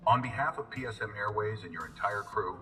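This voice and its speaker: A man's voice: fairly low pitch, lively intonation, fairly quick, big-room sound, recorded from a distance, natural voice. A man putting on a formal captain's voice for a plane cabin announcement. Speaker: pretend airline captain.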